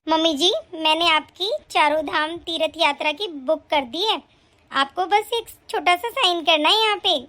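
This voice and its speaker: A woman's voice: very high-pitched, moderate pace, bright, forceful tone. A woman voicing a scheming rich young bride. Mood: sweet-talking. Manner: smug, scheming, later pleading. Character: scheming greedy young rich daughter-in-law. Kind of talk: animated story voice acting.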